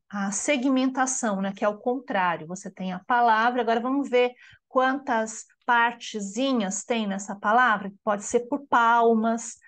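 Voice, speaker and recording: Woman, Brazilian Portuguese accent, teacher, unhurried explanatory delivery, slightly high voice. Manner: explanatory, frequent tag "né?", slows to pronounce words syllable by syllable. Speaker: teacher leading a study group. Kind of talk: online lecture on bilingual education.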